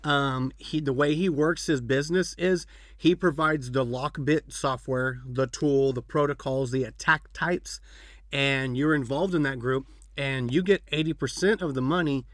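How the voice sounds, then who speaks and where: A man's voice: mid-range voice, measured pace, fairly bright tone, dry recording, clean studio sound. A man hosting a podcast, chatting casually and rambling with fillers and restarts. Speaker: podcast host. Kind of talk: casual chat.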